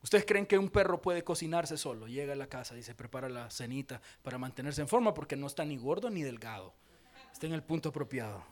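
Lively high-voiced pastor. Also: male voice. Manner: animated and playful, acting out quotes, asking the congregation questions. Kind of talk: sermon.

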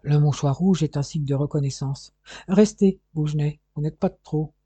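A reader doing a curt police chief, dark husky voice. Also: mid-range voice, dry recording, close to an everyday voice. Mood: brisk. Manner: curt, brisk orders. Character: stern middle-aged male police chief. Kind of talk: audiobook dialogue.

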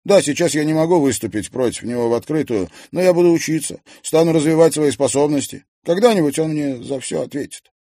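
A man's voice: on the high side, a little fast, mellow, no room sound, studio quality, pitched above the performer's own voice, natural voice. Man voicing a sullen, bitter young man. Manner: gloomy, tired, bursts into anger.

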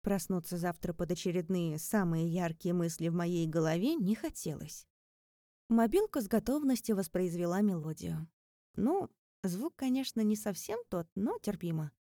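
A woman narrates a first-person story with a wry edge. Her voice is warm and mellow. The recording is dry and close to the mic. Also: lowish voice, animated, normal speed, no room sound. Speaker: audiobook narrator. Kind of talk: scripted narration.

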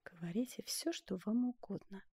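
A woman voicing a frightened, scheming French duchess in an audiobook, speaking in a hushed, hissed whisper. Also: medium pitch, normal speed, slightly rough, dry recording, studio quality. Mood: hissing. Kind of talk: audiobook character voice.

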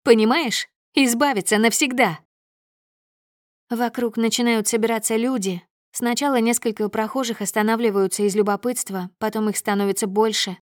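Female audiobook narrator, higher-pitched voice, dry close recording, measured dramatic delivery. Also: level tone, no room sound. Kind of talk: first-person audiobook narration.

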